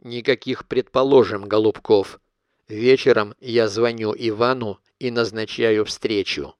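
A cold, calculating blackmailer, as an audiobook reader plays him, laying out his terms in cool clipped phrases. The voice sits fairly low and sounds smooth and resonant. The recording is close and dry, with no room sound. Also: steady tone, measured pace, darkish tone, no room sound, natural voice. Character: cold calculating male blackmailer, middle-aged. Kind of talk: audiobook character reading.

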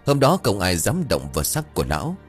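A man's voice: fairly low pitch, wildly swooping pitch, brisk, faint music behind. A man narrating a ghost story with dramatic, ominous storytelling.

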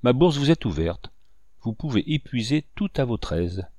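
A man's voice: medium pitch, sing-song, normal speed, a little mellow, no echo, clean studio sound. A man voicing a wealthy planter who talks down to his visitor, pompous and patronizing, in an audiobook reading. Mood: condescending. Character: rich planter, condescending then nervous.

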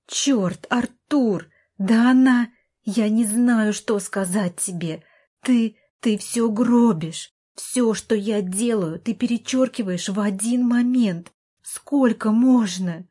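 A woman voicing an exasperated older sister, a doctor, who pleads and shouts at her brother in an audiobook. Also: mid-range voice, steady tone, a little slow, husky. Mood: desperate.

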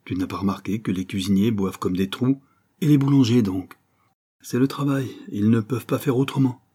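A man voicing a rough, hard-drinking laundry worker whose raised, excitable voice slurs and mumbles when he's drunk. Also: on the low side, brisk. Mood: excited, rowdy. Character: rough, boozy laundry worker, lamenting and wild. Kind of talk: audiobook character voice.

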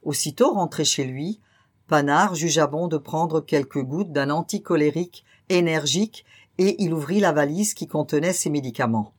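Measured storybook narrator. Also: mid-range voice, breathy edge. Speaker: audiobook reader. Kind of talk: scripted narration of a classic story.

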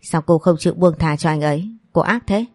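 A woman's voice: low voice, brisk, warm tone, no room sound, studio quality. A woman voicing a spiteful, scheming young woman who sneers and insults her rival.

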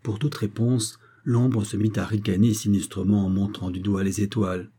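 A man reading a French novel aloud as an audiobook, in measured, dramatic narration. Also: lowish voice, level tone, dark tone, slightly rough. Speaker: audiobook reader.

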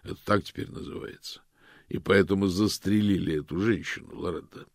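A sharp male detective asks cold, sarcastic questions, voiced by the book's male narrator. His voice is low and gravelly. The recording is close and dry. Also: brisk, dry recording. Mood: cold questioning.

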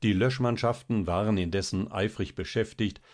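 A man narrating a classic novel as an audiobook in a steady, even reading. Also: on the low side, moderate pace. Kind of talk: scripted literary narration.

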